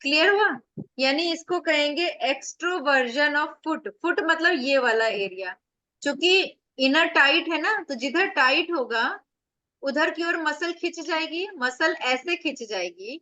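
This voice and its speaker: A woman acupressure teacher delivers an online revision lecture over a video call, her high, animated voice sounding pushed and bright. She explains things slowly, step by step, asks rhetorical questions, and stays firm with her students. There's no echo.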